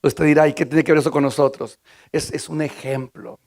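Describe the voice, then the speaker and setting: A man's voice: on the high side, fairly even intonation, a little fast, vocal fry, darkish tone. A man from Guatemala, preaching a sermon in a conversational way, asking the congregation questions and often repeating and restarting words. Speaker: pastor.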